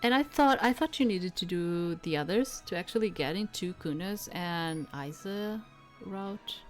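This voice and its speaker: A woman streams a game and reads visual novel narration aloud, measured and dramatic, tossing in casual asides. Her voice sits on the low side, and soft game music plays behind her.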